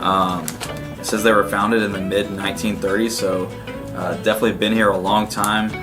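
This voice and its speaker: A man's voice: lowish voice, level tone, brisk, music in the background. A man co-hosting a casual food review, plain-spoken as he explains what he thinks. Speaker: co-host of a snack review show.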